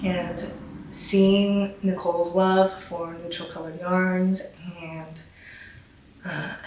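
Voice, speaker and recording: A young woman from Taiwan chats eagerly to camera as host of a knitting show, her voice sitting a little low. She sounds set back from the microphone in a strongly echoing room, with a faint hiss underneath. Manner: chatty and enthusiastic, rambling asides. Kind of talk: casual chat to camera. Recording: very echoey room, distant mic, faint hiss.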